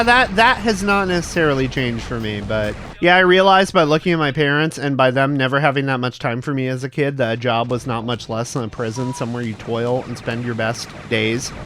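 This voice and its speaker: A man's voice: mid-range voice, fairly bright tone, a little hiss or hum. A young man chatting casually on a livestream, rambling earnestly and informally as a VTuber with some swearing. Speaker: VTuber streamer. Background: background music.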